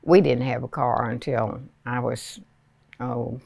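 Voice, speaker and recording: A very old woman in her nineties with a Southern US accent, reminiscing in a hesitant, unhurried storytelling way with many pauses. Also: very deep voice, fairly even intonation, gravelly, a little mellow, husky, no echo. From rural Arkansas, United States. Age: 90s, very old. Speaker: elderly interviewee recalling childhood. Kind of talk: reminiscing oral history.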